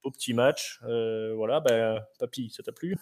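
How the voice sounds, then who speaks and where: A man's voice: mid-range voice, unhurried, a little mellow. Man, podcast co-host, casual recap, many fillers, hesitant flow.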